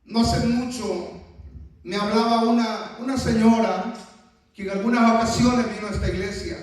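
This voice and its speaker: A man preaching a sermon as pastor, emphatic, with repeated phrases. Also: very high voice. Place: church sanctuary. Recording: very echoey church from far off.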